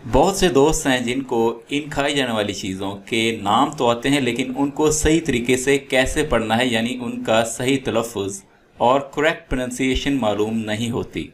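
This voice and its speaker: A man teaching English food words in Urdu, repeating each word slowly for learners to copy. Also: mid-range voice. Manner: slow, drilling words by repetition. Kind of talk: vocabulary lesson in Urdu.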